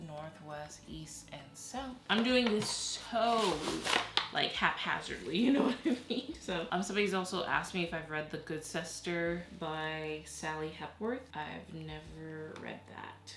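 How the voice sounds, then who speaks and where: A woman from Haiti chats casually to camera as she works on a craft, her voice sitting on the low side. She laughs easily and lets her sentences trail off. The room around her is noticeably echoey. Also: measured pace, noisy background. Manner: chatty, laughs often, trails off. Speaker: vlogger. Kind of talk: casual chat while crafting.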